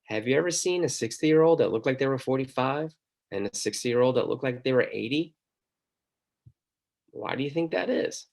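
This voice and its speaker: A man's voice: medium pitch, animated, normal speed, gravelly, darkish tone. A man hosting a talk show, speaking in an emphatic monologue and asking the listener many questions. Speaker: host. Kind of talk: motivational monologue.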